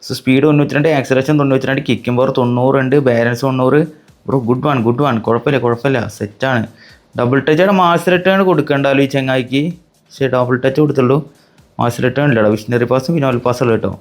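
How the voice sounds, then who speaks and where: A young man with a Malayali accent hosting his own gaming channel, exclaiming loudly as he opens packs. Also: mid-range voice, fairly even intonation, fast. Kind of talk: excited pack-opening commentary.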